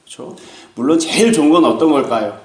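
A man giving a calm, explanatory sermon on a psalm as a pastor, asking rhetorical questions. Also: on the high side, fast, reverberant.

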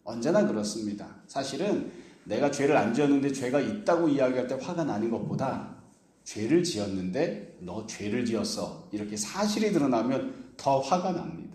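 Heard with roomy echo, a male pastor delivers a sermon in an expressive, brisk, slightly mellow mid-range voice. He works through a passage and keeps asking his congregation rhetorical questions.

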